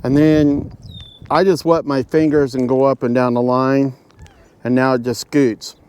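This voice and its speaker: A man giving a casual, halting, folksy fishing tutorial to camera, explaining things step by step. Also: mid-range voice, little pitch movement, a little mellow, clean tone. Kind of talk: casual instructional talk to camera. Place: outdoors at home beside a pond. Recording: outdoor ambient road noise. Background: road noise.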